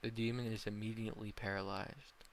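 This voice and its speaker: A young man narrating a fan-fiction story in a plain, slightly halting reading. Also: fairly low pitch, little pitch movement, creaky, slight background noise, poor audio.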